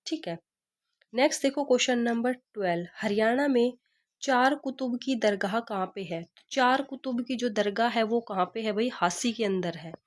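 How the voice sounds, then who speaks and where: A woman's voice: fairly high pitch, normal speed. Woman teaching with repeated questions. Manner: repeats questions and answers, asks rhetorical "kya hai?". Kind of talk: exam-prep lesson with memory tricks.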